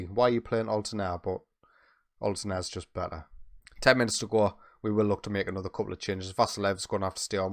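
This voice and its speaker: A young man talks through his football management game like a live commentator. His voice sits fairly low and is recorded dry and close. He stays chatty and excitable throughout. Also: no room sound. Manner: excitable, running play-by-play chatter. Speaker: video game channel host.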